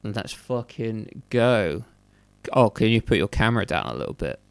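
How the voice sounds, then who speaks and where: Male podcast co-host, casual dry banter; smooth lower voice, dry mic. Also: expressive, normal speed, no echo. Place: home, in Edinburgh.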